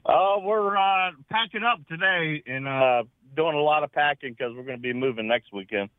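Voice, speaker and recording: A man's voice: a little high, normal speed, no room sound. A man in his late forties from Florida calling a radio show, chatting casually in a teasing, folksy way. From Florida, United States. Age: late 40s. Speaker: radio call-in guest. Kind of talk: casual chat. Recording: dull lo-fi phone call to radio.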